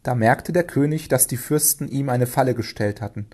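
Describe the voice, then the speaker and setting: A man reading a children's storybook aloud, lively and expressive. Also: medium pitch, normal speed. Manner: expressive, lively, acts out dialogue.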